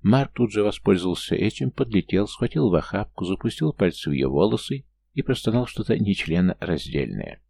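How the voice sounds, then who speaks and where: A man narrating an audiobook in a steady storytelling manner. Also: on the low side, fairly quick, creaky.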